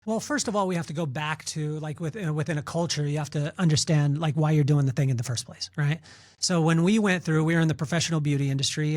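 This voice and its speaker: A man being interviewed on a podcast, telling stories in an animated, conversational way and acting out what others said. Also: a little high, no echo, clean studio sound. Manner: animated storyteller, repeats words, acts out quotes. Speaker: podcast guest, speaker.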